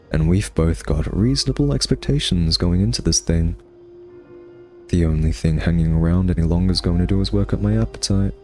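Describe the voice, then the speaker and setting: A man plays a smug vampire in a conversational ASMR roleplay, toying with his captive nemesis in a low, darkish voice and a sardonic, teasing drawl. The acting is light, the mood one of wry resignation, and faint music plays behind him.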